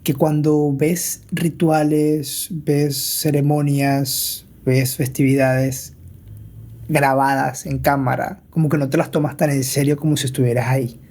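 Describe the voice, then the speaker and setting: A man's voice: medium pitch, little pitch movement, measured pace, darkish tone. A man co-hosting a podcast in casual chat, colloquial and teasing. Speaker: podcast co-host.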